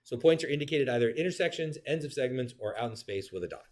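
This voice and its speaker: A man teaching a geometry class in a lively, talkative way. He keeps checking in with his students, and he throws in quick jokes and self-corrections as he explains. His voice sits at an ordinary middle pitch for a man. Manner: animated, joking asides, talks to students. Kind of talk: classroom lecture.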